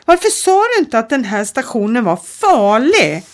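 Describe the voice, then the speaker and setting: A woman reading aloud, voicing a scared but brave young girl in an audiobook story. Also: sing-song. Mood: frightened. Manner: high, pleading, urgent.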